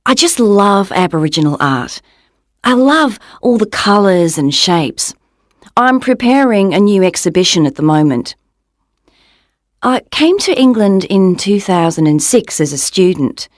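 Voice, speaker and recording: A woman's voice: medium pitch, big pitch swings, a little slow, no room sound, studio quality. A woman voicing a cheerful young Australian gallery owner with an Australian accent, talking in a friendly, chatty way in a scripted coursebook monologue. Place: dry studio booth.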